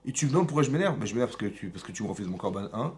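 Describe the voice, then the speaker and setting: A man's voice: fairly low pitch, very animated, very fast. A man voicing an indignant elder brother. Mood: aggrieved. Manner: aggrieved, self-justifying.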